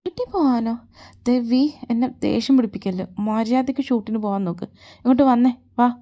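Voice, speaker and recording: A woman's voice: on the high side, fairly quick, mellow, dry recording, clean studio sound, lightly acted. A woman voicing a jealous, possessive young man in a fan audio drama, with a bossy, scolding manner. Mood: irritated.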